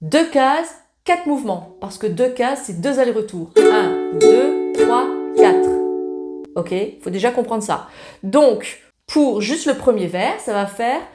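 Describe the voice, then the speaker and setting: A woman's voice: a little high, lively intonation, unhurried, faint music behind. A woman giving a casual ukulele lesson, talking in a chatty, familiar way while strumming along. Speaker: ukulele teacher. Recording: loud ukulele playing along.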